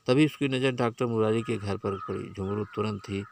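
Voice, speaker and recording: A man narrating a village story in a steady, plain reading voice. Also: on the low side, a little fast, a little hiss or hum.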